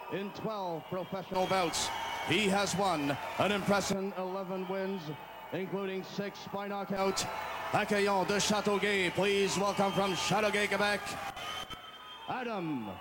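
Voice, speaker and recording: Booming bilingual boxing ring announcer man. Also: steady tone, crowd noise, background noise. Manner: booming, drawn-out announcer delivery. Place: indoor boxing arena.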